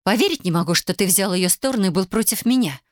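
A woman's voice: mid-range voice, lively intonation, fast talker, no room sound, studio quality, lightly acted. A woman reading an audiobook, voicing a tearful older sister who pleads in a trembling voice. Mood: pleading.

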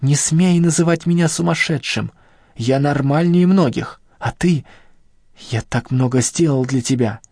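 A man doing a shrill, hysterical obsessed kidnapper. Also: steady tone, unhurried, no room sound, clean studio sound. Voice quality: high, sharp, shrieking voice. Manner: pathetic, self-righteous outbursts.

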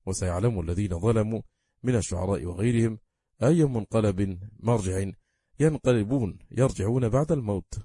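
A man reading a classical scripture commentary aloud in careful, measured formal diction. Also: on the low side, mellow, slightly rough, no echo. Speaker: reader of Quran commentary.

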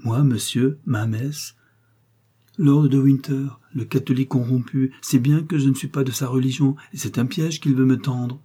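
A man's voice: fairly low pitch, normal speed, warm tone, slightly rough. A man voicing a proud, scheming woman prisoner who speaks with cold haughtiness and feigned fervor. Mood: haughty indignation.

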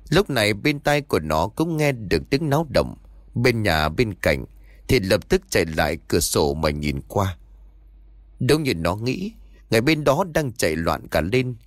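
Low-voiced male horror storyteller. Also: dry recording, clean studio sound. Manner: dramatic, suspenseful. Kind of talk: scripted horror narration.

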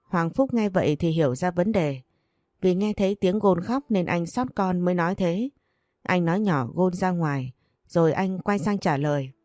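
A woman's voice: on the low side, normal speed, a little mellow, no room sound, clean studio sound, soft background music. A woman narrating a romance story and reading all the characters' lines in one plain voice.

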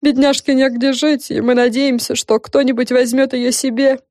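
Brief: kindly mouse-doctor witch, gentle and matter-of-fact, read by a woman. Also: high voice, flat delivery, moderate pace, no room sound, studio quality, pitched above the performer's own voice, lightly acted.

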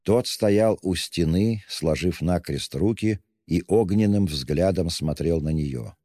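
Low-voiced male audiobook narrator. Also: warm tone, studio quality. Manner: measured, dramatic reading. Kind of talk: scripted narration of a classic novel. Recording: long hall reverb.

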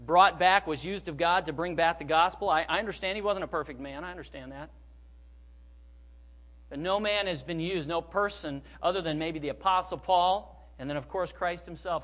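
Middle-aged man, pastor, sermon, slightly high voice, hushed then emphatic. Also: moderate pace. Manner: swings from soft, hushed phrases to loud emphatic bursts.

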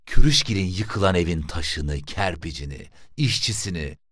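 A man narrating a story in a lively, expressive way with sudden rises in his voice. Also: low-pitched, moderate pace, dry recording, clean studio sound.

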